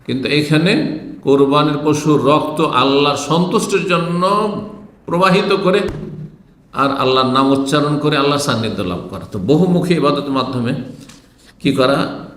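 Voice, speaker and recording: An Islamic preacher from Bangladesh, a man with a mid-range, slightly bright voice, delivers a religious lecture. He teaches in numbered points and puts questions to his audience, with a roomy echo on the recording.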